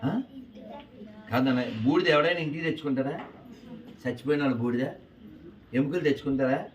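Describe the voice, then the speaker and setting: A man telling a lively moral story to schoolchildren in an animated, coaxing way, quizzing them as he goes. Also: medium pitch, a little fast. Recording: distant, dull with faint noise.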